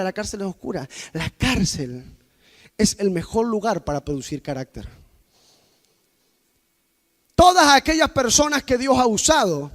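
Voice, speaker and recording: A high-voiced male preacher gives an impassioned sermon, swinging between loud outbursts and quiet asides. He tells personal stories directly to his congregation.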